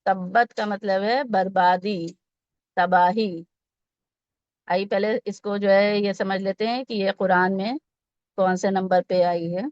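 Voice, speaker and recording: In a tajweed lesson with slow recitation, a female Quran teacher coaches children patiently, one step at a time, questioning them and using some English words. She speaks at a medium pitch with a steady, slightly mellow tone and frequent pauses, on a dull, dry lo-fi recording with no echo.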